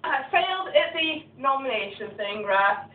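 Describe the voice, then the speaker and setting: A woman's voice: sits high, very animated, unhurried. A young woman vlogging a drinking game, out of breath, talking bluntly and crudely between groans. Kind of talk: casual drinking-game vlog. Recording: tinny, echoey, far from the mic.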